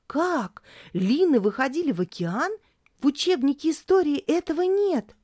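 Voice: high-pitched, lively intonation, a little slow, warm tone, no room sound, clean studio sound, pitched above the performer's own voice. A woman voicing a curious young girl in a storybook reading, with eager, questioning speech.

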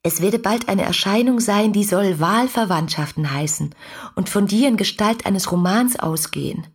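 With a husky, breathy mid-range voice at normal speed, an actress plays an ardent young woman in a literary radio play. She addresses her beloved poetically, in a mood that is intimate and playful.

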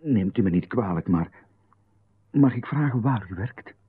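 With a fairly low, animated voice that has a breathy edge and a slightly slow pace, a man with a Flemish accent acts in a 1990s radio drama. He plays a polite, hesitant playwright, easily rattled and anxious to please, in a mood of polite unease. The audio is dry, narrow and phone-like.

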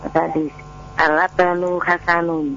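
A woman calls in to a radio lesson and recites her answers slowly, stopping and restarting. Her voice is bright and held to a flat tone. The line is dull and carries a faint hum. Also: lowish voice. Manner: reads answers slowly, halting. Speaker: caller, student.

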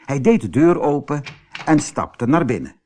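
A man from the Netherlands reading a storybook aloud in an expressive, unhurried way. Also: medium pitch, a little hiss or hum. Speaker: storybook narrator. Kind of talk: scripted storybook narration.

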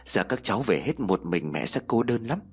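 A man's voice: lowish voice, animated, moderate pace, husky. A man voicing a worried young father who scolds his sons in a weary way.

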